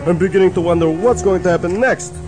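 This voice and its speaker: A man's voice: sits high, fast, over music, natural voice. A man playing a cranky, melodramatic mad scientist villain in a comic sci-fi parody, speaking sardonically. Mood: exasperated. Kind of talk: comic audio parody of a science fiction film.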